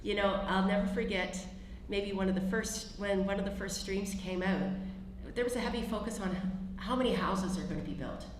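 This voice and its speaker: Her voice a bit croaky after traveling, a Canadian woman who works as a government official delivers an improvised, lively, conversational talk at a business event. She speaks in a mid-range voice at an ordinary speed. The big hotel conference room makes the recording very echoey, with some faint noise behind her.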